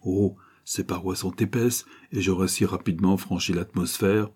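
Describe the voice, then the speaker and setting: A man's voice: deep voice, steady tone, normal speed, darkish tone, slightly rough. Michel Ardan, a man doing a gallant daredevil. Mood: confident, gracious. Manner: gracious, ironic, confident. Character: bold gallant male adventurer, ironic and fearless.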